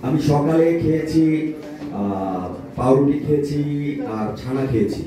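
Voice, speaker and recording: A man's voice: fairly high pitch, lively intonation, a little slow, a crowd in the background. A man playing the scolding, explaining straight man in a comic puppet stage act. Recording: very echoey hall, distant mic, audience.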